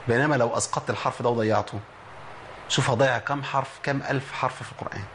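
A man with an Egyptian Arabic accent teaching Quran letter pronunciation, slowly drawing out example words between lively explanations. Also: mid-range voice, a little hiss or hum. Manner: slow drawn-out demonstration of words, lively explanatory talk.

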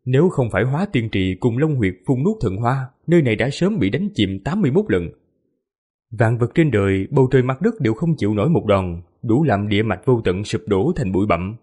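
A man's voice: mid-range voice, expressive, brisk, a little mellow, husky. A man narrating a fantasy martial epic as an audiobook, vivid and emphatic. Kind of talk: dramatic fantasy novel narration.

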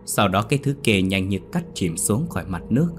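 A man narrating a ghost story in a lively, expressive storybook manner. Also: fairly low pitch, a little fast, background noise.

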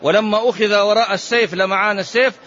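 Quick-paced and fairly bright, this sheikh's high voice holds a fairly even intonation while he passionately teaches a religious lesson and rattles off rhetorical questions. It comes through a muffled, lo-fi lecture recording.

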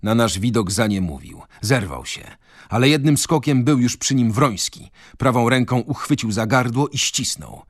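A man reading a novel aloud for radio in a measured, dramatic narration. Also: mid-range voice, lively intonation, dry recording, clean studio sound. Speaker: reader.

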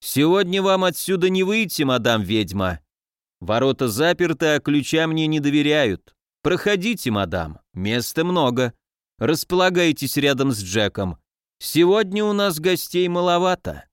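Man doing a gruff drunken night watchman Schwarz. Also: on the high side, sing-song, moderate pace, dry recording, clean studio sound. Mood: sly, tipsy. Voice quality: hoarse bawling when singing.

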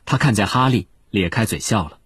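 A man reads a novel aloud as narrator. His voice sits low. He tells the story expressively, with a lively, varied pitch. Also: fairly quick, husky, dry recording. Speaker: audiobook narrator. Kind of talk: scripted narration.

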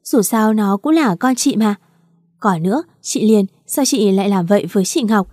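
Woman voicing indignant young sister-in-law, snapping, accusatory, mellow, dry. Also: mid-range voice, lively intonation, moderate pace, no echo, lightly acted.

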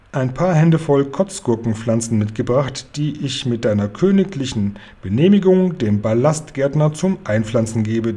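A man's voice: medium pitch, dark tone, lightly acted. A man reading aloud and voicing a huge, kindly male giant who jumbles his words in a folksy, earnest way.

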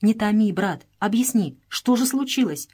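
A woman's voice: on the high side, animated, unhurried, darkish tone, voice pushed up. A woman doing a frantic, pleading young man. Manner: pleading, trembling.

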